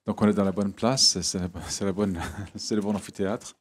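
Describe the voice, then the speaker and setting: A man in giving a public talk to an audience, halting and often repeating words. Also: lowish voice, steady tone, breathy edge. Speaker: guest speaker.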